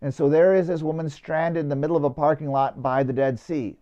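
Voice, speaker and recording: Man, priest, storytelling homily, conversational with fillers, mellow tone, lo-fi sound. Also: fairly high pitch, fairly even intonation, brisk.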